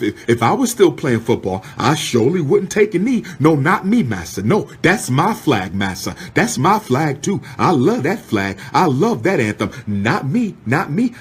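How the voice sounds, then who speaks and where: A man's voice: a little high, husky, pitched above the performer's own voice, exaggerated voice. A man voicing a fawning, servile grown man who pleads with a master in a meek, drawling sing-song.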